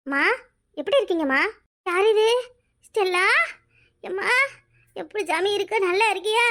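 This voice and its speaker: A woman's voice: extremely high pitch, moderate pace. A doting old cartoon mother. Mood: tender. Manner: soft, doting, tearful at times. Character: elderly mother, tender and protective. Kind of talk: cartoon voice acting.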